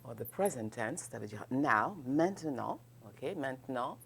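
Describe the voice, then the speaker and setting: Slow, gravelly-voiced woman teaching French. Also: very deep voice, expressive, a little hiss or hum. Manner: slow, patient, checks in with "n'est-ce pas" and "ok". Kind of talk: grammar lesson at a board, mixing French and English.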